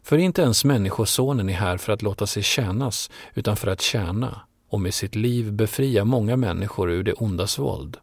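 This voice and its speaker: A man voicing Jesus as a calm, grave male teacher, speaking in a measured, solemn way. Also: lowish voice, breathy edge, dry recording, studio quality.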